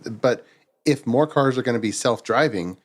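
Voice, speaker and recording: A man's voice: mid-range voice, moderate pace. A man hosting a podcast, chatting casually and asking his guest questions. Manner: conversational, asks questions. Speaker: podcast host. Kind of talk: casual interview talk.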